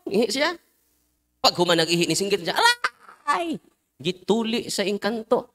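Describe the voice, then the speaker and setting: High-pitched, lively joking priest. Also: male voice. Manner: jokey, teasing the congregation, mixing in English phrases. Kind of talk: humorous sermon with storytelling.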